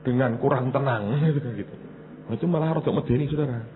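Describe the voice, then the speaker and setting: A middle-aged man with a Javanese accent preaching a sermon as a pastor, telling a personal story and moving between hushed asides and loud, emphatic bursts. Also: medium pitch, fast talker. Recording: phone-like narrow sound with faint hum.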